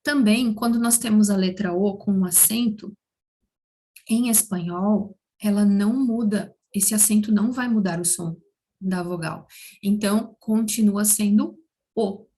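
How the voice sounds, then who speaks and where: Slow, careful woman teaching Spanish sounds. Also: mid-range voice, warm tone. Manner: slow and deliberate, pronounces example words clearly. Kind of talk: slow, careful online lesson.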